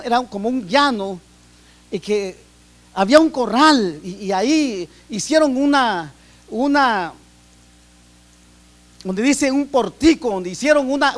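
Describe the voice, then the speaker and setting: Very high-voiced Guatemalan preacher. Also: male voice. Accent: Guatemalan Spanish. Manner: earnest, repeats and restarts phrases while preaching. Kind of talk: sermon.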